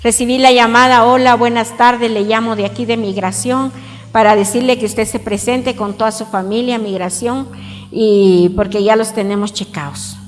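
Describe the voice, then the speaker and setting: Woman pastor, high register, preaching with fervor; long hall reverb, faint music bed. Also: steady tone, moderate pace. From Mexico. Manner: storytelling, rising to emphatic preaching with questions to the audience. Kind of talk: testimony and sermon at a women's retreat.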